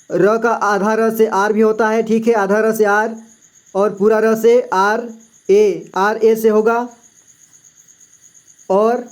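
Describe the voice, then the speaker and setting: Slow, patient male teacher. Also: high voice, a little mellow. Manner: patient, repeats "theek hai" often. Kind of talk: slow classroom explanation.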